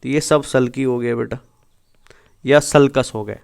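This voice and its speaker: A man's voice: medium pitch, steady tone, unhurried, vocal fry, clean tone. A man teaching biology for an exam, asking questions and answering them himself as he mixes English terms into his talk. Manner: keeps asking and answering his own questions, calls students "beta". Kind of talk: exam-prep lecture over slides.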